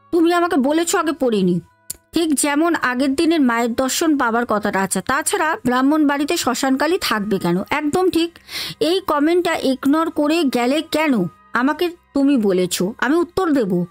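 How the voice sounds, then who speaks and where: A woman hosts a podcast in a relaxed, chatty way. Her voice sits high, and she talks straight to her listeners, sprinkling in small fillers as she reads their comments. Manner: chatty, addresses listeners directly, many fillers like "accha". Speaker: podcast host. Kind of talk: casual chat reading out listener comments.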